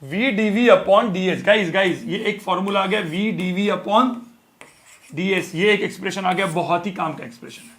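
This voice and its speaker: A man teaching physics in a classroom lecture, asking students questions again and again and slowly repeating each formula. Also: high-pitched.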